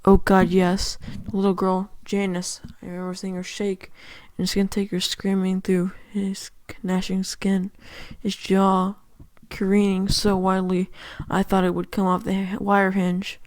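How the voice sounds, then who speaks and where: Woman reading horror in a flat voice. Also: mid-range voice, unhurried, hardly any pauses, no echo, low-quality recording. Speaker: reader. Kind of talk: scripted horror narration.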